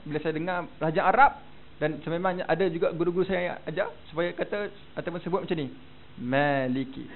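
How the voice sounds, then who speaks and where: A Malaysian man teaching Quran recitation in a slightly high voice. He models the Arabic words and then has the class repeat them back to him. The recording is tinny and phone-like, with a faint hiss underneath. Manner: demonstrates Arabic pronunciation, prompts students to repeat. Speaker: religious teacher. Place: prayer hall.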